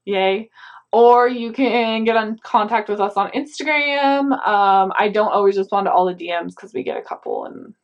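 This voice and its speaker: A chatty young woman answers viewer questions in an easygoing, conversational way. She explains as she goes, sprinkling in frequent yeahs and ums, at a middle pitch. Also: sing-song, normal speed, muffled recording. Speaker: co-host of a reselling channel.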